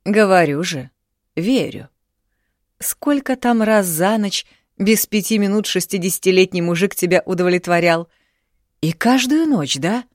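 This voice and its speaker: A harsh, domineering young man who snaps his words out loud and curt, read by a woman narrator. The tone is low for a woman's voice, and the recording is dry and close. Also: lively intonation, unhurried, no echo. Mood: angry, contemptuous. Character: coarse, angry young man, domineering and contemptuous. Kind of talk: audiobook character reading.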